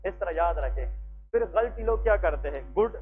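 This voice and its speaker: A man leads a classroom demonstration, walking his students through an examination one step at a time. His voice sits high, and he keeps stopping to ask whether everyone has understood. The recording is thin and phone-like, with faint music underneath. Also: lively intonation, normal speed. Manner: explanatory, asks the class frequent check questions. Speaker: medical lecturer.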